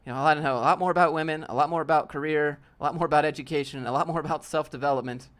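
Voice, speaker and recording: This live-stream host, a youthful-sounding man in his late twenties, has a slightly high, fairly bright voice with a steady tone. He delivers everything rapid-fire while joking through a laid-back Q&A and reading out viewers' questions.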